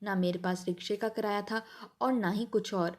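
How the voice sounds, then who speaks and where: A woman telling a first-person family story in an even, soft storytelling manner. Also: mid-range voice.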